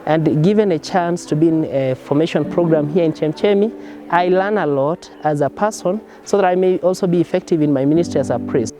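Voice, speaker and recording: A priest giving an interview testimony, pausing often with "uh". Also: male voice, on the high side, over music. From Kenya. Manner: hesitant, with frequent "uh" pauses.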